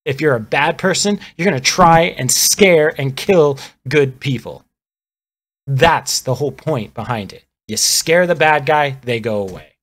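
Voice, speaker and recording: A man's voice: fairly high pitch, expressive, a little slow, fairly bright tone. A man on a live stream, ranting about politics in a heated, sarcastic way. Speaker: livestreamer.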